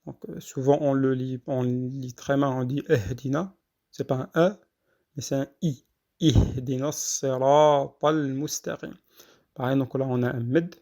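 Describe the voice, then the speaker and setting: A man teaching Quran recitation rules, explaining haltingly with fillers between slow, drawn-out recited verses. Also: mid-range voice, steady tone, mellow. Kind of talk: tajwid lesson with recitation.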